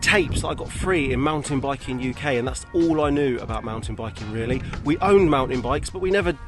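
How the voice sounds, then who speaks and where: A man's voice: medium pitch, a little fast, over music. A man from Bedfordshire with an English accent, hosting a casual vlog and chatting to camera. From Bedfordshire, England. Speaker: vlog host. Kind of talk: casual outdoor vlog chat.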